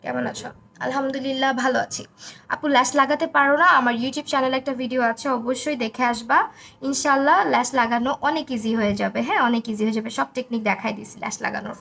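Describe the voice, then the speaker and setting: Hoarse young woman chatting on a live stream. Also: high-pitched, fairly even intonation, fast talker, fairly bright tone, a little hiss or hum. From Bangladesh. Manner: chatty, reads viewer comments aloud. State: hoarse, voice broken. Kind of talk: casual live makeup tutorial.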